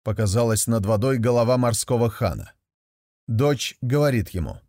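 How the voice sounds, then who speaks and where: A man reads a folk tale aloud at a measured pace, with a voice of ordinary pitch. The recording is dry and close. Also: darkish tone, no echo. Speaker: narrator.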